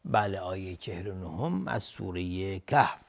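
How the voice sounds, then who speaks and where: A man teaching Quran recitation, chanting verses slowly and melodically, then explaining the rules in quick, lower speech. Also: lively intonation, gravelly. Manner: melodic slow chanting, then rapid low-voiced explanations.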